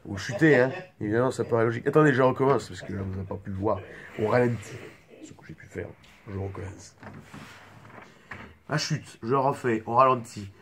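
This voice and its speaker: Casting: young guy, southern French accent, clowning comic vlogger, mid-pitched, rambling absurd bits. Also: fairly quick. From south of France. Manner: rambling, playful clowning with mock-serious tangents. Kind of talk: absurd improvised comedy monologue.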